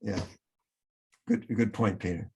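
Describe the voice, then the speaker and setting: A man moderating a video call discussion in a relaxed way, chuckling between phrases. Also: lowish voice, measured pace, slightly rough. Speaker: featured guest and moderator.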